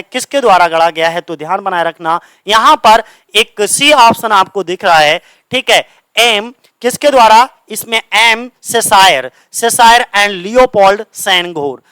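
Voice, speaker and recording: High, bright-voiced male coaching teacher. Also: clean tone, no echo. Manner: explains in Hindi, mixes English terms, repeats answers back as questions; reads English lines out slowly and haltingly. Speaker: English literature exam coaching teacher. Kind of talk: lecture going through exam questions. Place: coaching classroom.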